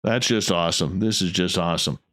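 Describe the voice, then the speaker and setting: A man's voice: low-pitched, fairly quick, sharp tone, no echo. A man hosting a casual late-night radio show, effusive and emphatic, often repeating his phrases.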